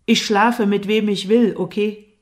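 A woman voicing an angry, jealous young man who speaks loudly and with hostile taunts, in an audiobook. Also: fairly low pitch, unhurried, natural voice. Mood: taunting.

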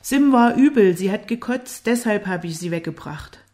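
A woman voicing a blind young man who talks in a steady, measured way, in an audiobook. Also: mid-range voice, natural voice. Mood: restrained.

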